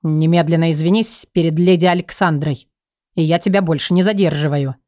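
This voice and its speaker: A woman's voice: deep voice, brisk, darkish tone, dry recording, clean studio sound, pitched below the performer's own voice, lightly acted. A woman voicing a cold, stern male count who speaks curtly. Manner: curt, icy.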